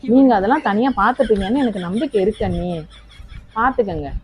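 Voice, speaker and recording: A woman in a home comedy skit with a fairly high voice, talking briskly and with dry sarcasm. She scolds and needles in a plain everyday voice. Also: a little mellow, slight background noise.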